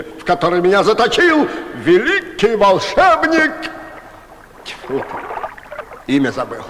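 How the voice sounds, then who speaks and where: Theatrical ancient sorcerer, high and swooping. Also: male voice, exaggerated voice. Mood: gloating. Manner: theatrical, wheedling, declamatory. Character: ancient scheming male genie sorcerer, theatrical and gloating. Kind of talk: cartoon voice acting. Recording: music behind the voice.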